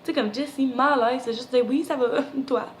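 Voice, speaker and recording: A woman's voice: high-pitched, steady tone, fairly quick. A teenage girl with a Quebec French accent tells a storytime on her channel, chatty, with many fillers, acting out bits of dialogue. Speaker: YouTuber. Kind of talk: casual storytime vlog. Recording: echoey room, faint background noise.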